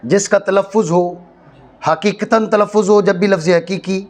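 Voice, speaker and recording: High-voiced man teaching a class. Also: fairly even intonation. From Pakistan. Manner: checks understanding, repeats phrases slowly for stress. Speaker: teacher of Arabic grammar. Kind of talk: classroom lecture. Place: madrasa classroom.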